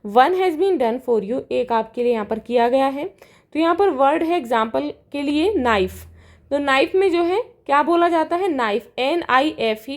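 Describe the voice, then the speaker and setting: High-voiced woman teacher. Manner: reads English lines slowly, then explains in Hindi. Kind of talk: worksheet lesson explanation.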